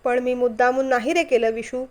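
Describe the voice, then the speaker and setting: A woman playing a gentle, coughing old man. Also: fairly high pitch, little pitch movement, brisk, natural voice. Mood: regretful. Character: older ill man, loyal and gentle, coughing.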